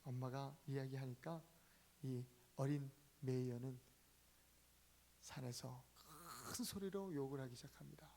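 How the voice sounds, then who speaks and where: A male pastor preaching a sermon, telling stories emphatically with sharp swings in loudness. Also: medium pitch, a little slow, creaky, a little hiss or hum.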